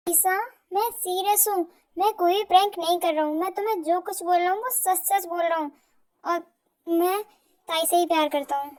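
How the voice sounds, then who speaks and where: A woman's voice: very high voice, moderate pace, darkish tone. A woman voicing a secretive young husband who talks hesitantly and then firmly, in an amateur fan audio drama. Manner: hesitant, evasive, then firm.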